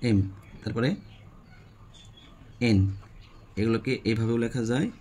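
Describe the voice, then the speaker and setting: A man's voice: medium pitch, fairly even intonation, measured pace, darkish tone. A man with a Bangladeshi Bengali accent, teaching a spoken English lesson and checking in with his class. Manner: repeats questions to the class, frequent "হ্যাঁ?" checks.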